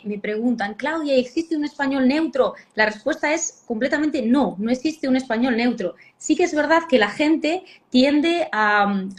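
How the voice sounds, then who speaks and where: Spanish woman philologist explaining. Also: a little high. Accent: Spanish (Spain). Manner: measured, explaining, many hesitation sounds. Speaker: guest philologist and teacher. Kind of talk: explanatory interview talk.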